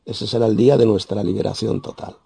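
A man with a Spain Spanish accent preaching a verse-by-verse sermon, emphatic and scornful, with sudden loud, high bursts and a habit of tagging his points with "¿eh?". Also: steady tone, fast, gravelly, breathy edge, dry recording. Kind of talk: sermon, verse-by-verse Bible exposition.

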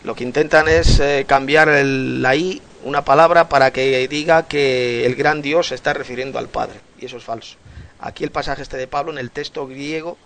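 A man's voice: mid-range voice, vocal fry, a bit bright, slight background noise. A man leading a Bible study, explaining passages earnestly and repeating key words for emphasis. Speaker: Bible teacher.

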